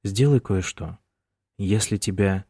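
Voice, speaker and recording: A man reading the part of a tearful young male student in an audiobook, speaking quietly. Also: on the low side, unhurried, husky, no room sound, studio quality.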